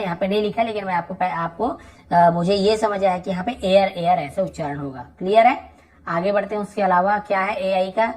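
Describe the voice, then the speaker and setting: A woman gives an online pronunciation lesson in an even, mid-pitched voice. She says example words slowly, one by one, and stops now and then to ask whether it is clear. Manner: patient, repeats example words slowly and often; asks learners check questions. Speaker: English pronunciation teacher.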